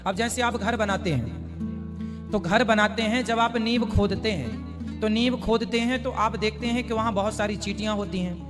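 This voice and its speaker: High-pitched guy calmly explaining spiritual stuff, echoey hall, music behind. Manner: calm, patient, explains with everyday examples. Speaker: spiritual teacher answering devotees. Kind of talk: religious question-and-answer discourse.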